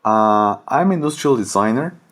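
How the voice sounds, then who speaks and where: A man's voice: on the low side, expressive, normal speed, a bit bright. A man in his thirties from Ecuador, speaking English with an Ecuadorian Spanish accent as a podcast guest, hesitant and full of fillers. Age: 30s. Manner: hesitant, many fillers, searching for words. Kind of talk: podcast interview.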